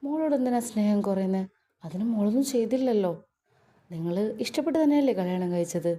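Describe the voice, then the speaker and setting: A woman's voice: mid-range voice, expressive, fast, mellow, lightly acted. A woman voicing a kind, doting mother-in-law who soothes and reassures. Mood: soothing. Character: kindly doting middle-aged mother-in-law.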